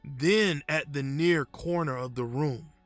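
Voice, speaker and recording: A man performs a frightened, muddled man telling his own horror tale in hushed, creeping unease. The delivery is very slow and halting, with a slightly high male pitch and a wry edge. Soft music sits behind the roomy sound. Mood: creeping dread. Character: frightened confused man haunted by screaming apparition, wry. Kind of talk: first-person horror story narration.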